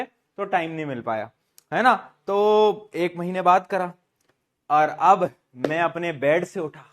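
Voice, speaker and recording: A young man teaching a live online science class, with a playful, teasing manner, talking straight to his students. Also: on the high side.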